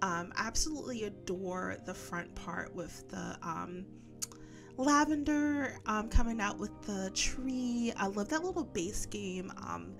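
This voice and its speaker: A woman's voice: medium pitch, animated, unhurried, music in the background. A woman with a stuffy nose from a cold, chatting casually as a game building creator, rambling with lots of fillers and little giggles. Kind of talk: casual voice-over commentary.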